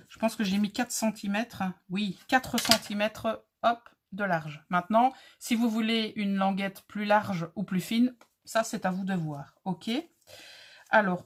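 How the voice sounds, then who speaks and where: A woman hosts a casual crafting tutorial, with a light accent. She speaks at an unhurried, leisurely pace, chatting in a friendly way as she talks viewers through each step. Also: medium pitch.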